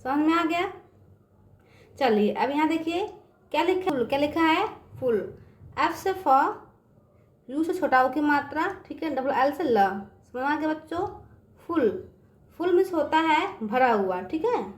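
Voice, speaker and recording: With long pauses and a measured pace, this woman's high, animated voice echoes in a reverberant room. She teaches children English words online, repeating things patiently and checking comprehension with "समझ में आ गया बच्चों?"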